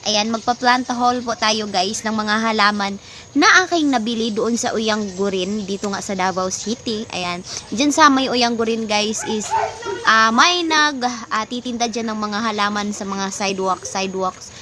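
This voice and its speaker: A woman's voice: fairly high pitch, measured pace, bright, forceful tone, a little hiss or hum. A Filipino woman chatting casually in a home vlog, mixing English into her talk, with lots of fillers. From Philippines. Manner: chatty, mixes English into Tagalog, many fillers, laughs often. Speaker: plant vlogger.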